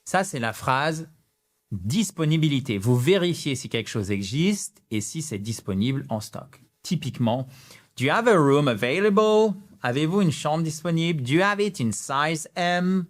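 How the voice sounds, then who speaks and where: In an animated online lesson, a man with a French accent teaches English phrases, gesturing and drawing out example sentences with rising intonation. His voice is on the high side, at a moderate pace.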